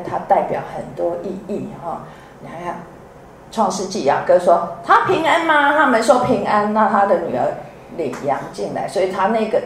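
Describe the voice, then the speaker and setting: A middle-aged woman with a Taiwanese Mandarin accent gives a sermon as a pastor's wife, lively and often asking the audience questions. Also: mid-range voice. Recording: echoey hall with faint background noise.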